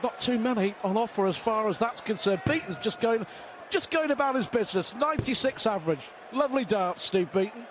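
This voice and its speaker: A man's voice: sits high, lively intonation, fairly quick, crowd noise. A man giving live darts commentary in an emphatic way, repeating phrases for effect. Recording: clear venue noise behind the voice.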